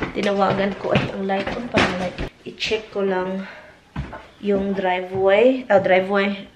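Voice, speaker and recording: A woman casually vlogging from her home, mixing Tagalog and English as she chats about her garden and cooking. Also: background noise. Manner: mixes Tagalog and English, chatty, talks to her dogs in a high sing-song baby voice. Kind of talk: casual home vlog chat.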